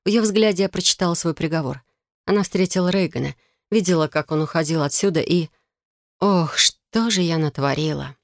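A woman's voice: on the low side, moderate pace, no room sound, studio quality. A woman narrating a novel in the first person, intimate and confessional. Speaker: audiobook narrator.

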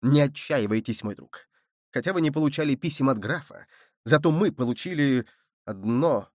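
A man voicing a shrewd, quick-witted musketeer who speaks in a brisk, commanding way. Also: mid-range voice, animated, no echo, studio quality, close to an everyday voice. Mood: sly.

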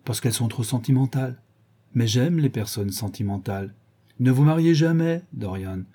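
A man voicing a witty, cynical aristocratic gentleman who drawls ironic aphorisms in an audiobook reading. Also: mid-range voice, normal speed, slightly rough, natural voice.

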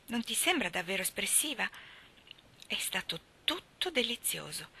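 A woman reading aloud, voicing an excitable, dreamy orphan girl who gushes with breathless enthusiasm. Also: medium pitch, full character voice. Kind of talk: audiobook reading.

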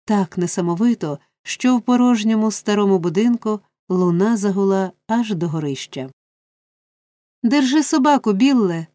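A woman reads a classic story aloud in an even, steady narrating voice. Her tone is mellow and warm. The recording is dry and close. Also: medium pitch, normal speed, few pauses, no room sound. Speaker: audiobook narrator. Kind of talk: scripted narration.

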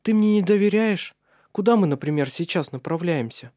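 An anxious young woman in love pleads and frets in a storybook reading, as a man voices her. Her lines sit well above the reader's usual pitch, emotional and trembling. The sound is dry and close. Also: expressive, moderate pace, mellow, dry recording. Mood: pleading.

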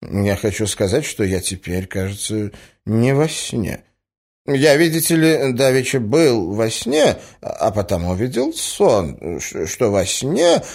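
Confused elderly prince read by a male narrator, stammering, slow, wandering pitch. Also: very animated, darkish tone, slightly rough, full character voice. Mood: bewildered. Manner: hesitant, bewildered, stammering. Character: muddled, doddering old prince. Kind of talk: audiobook character reading.

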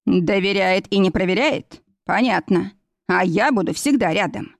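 This is a calm, self-assured young man who keeps pressing his suit, read by a woman narrator. The voice stays level and mid-pitched, close to the mic in a dry storybook recording. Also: normal speed, gravelly, no room sound. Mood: insistent. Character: confident young man, persistent suitor.

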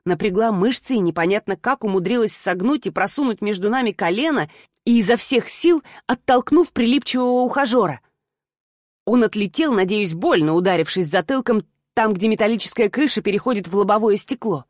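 Casting: woman audiobook narrator, medium pitch, steady first-person storytelling, dry close mic. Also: fairly quick, no echo.

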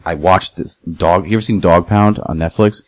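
A young man casually telling rough stories, swearing a lot and acting out what people said. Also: sits low, normal speed, dry recording. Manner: animated, swears a lot, acts out quotes. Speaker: podcast guest telling stories. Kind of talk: casual profane storytelling.

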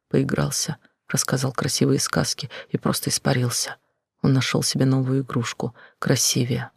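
Husky man narrating in a hushed voice. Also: medium pitch, dry recording, studio quality. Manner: quiet, intense, often whispered delivery. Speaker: audiobook narrator. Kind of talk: first-person novel narration.

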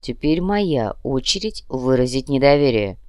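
A woman reading an audiobook voices a calm, measured male grand master with soft irony. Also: extremely low pitch, clean tone, no echo, pitched below the performer's own voice. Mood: cool. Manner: measured, softly ironic.

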